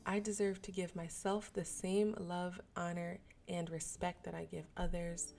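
A woman's voice: fairly low pitch, little pitch movement, measured pace, vocal fry, darkish tone. A woman hosting her own podcast, talking earnestly and casually with slang and frequent restarts. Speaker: podcast host. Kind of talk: candid solo podcast talk.

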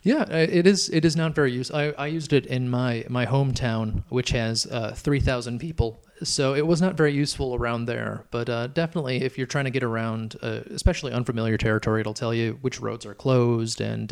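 Gravelly middle-aged man, rambling chat. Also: mid-range voice, a little fast, hardly any pauses. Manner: rambling, hesitant with many fillers. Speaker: podcast co-host. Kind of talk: casual chat. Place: Chicago.

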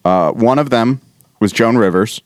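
A man's voice: medium pitch, normal speed, darkish tone, no room sound, studio quality. A man co-hosting a podcast in casual chat, rambling and laughing as he talks, with some swearing. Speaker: podcast co-host.

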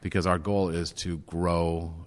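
A man with a very low voice explains things in a steady, patient way. He is recorded in a large banquet room, and a big hall echo hangs on every word. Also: measured pace. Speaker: networking group organizer. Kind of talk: interview guest explaining at length. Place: golf course banquet room with reverb.

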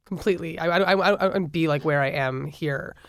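A woman's voice: deep voice, fairly quick, no room sound. A woman in her thirties from the American Midwest, a chef being interviewed, talking casually with lots of fillers and laughter. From Midwestern United States. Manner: chatty, frequent fillers and laughs. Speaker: chef and restaurant owner, guest.

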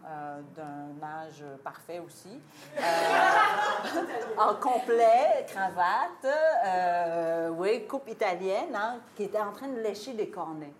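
Animated woman telling a story. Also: mid-range voice, slow pace, background noise. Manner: animated storytelling, laughing often, acts out quoted lines. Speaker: guest author telling a story. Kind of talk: lively anecdote before an audience. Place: live talk venue. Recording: roomy live venue, faint ambience.

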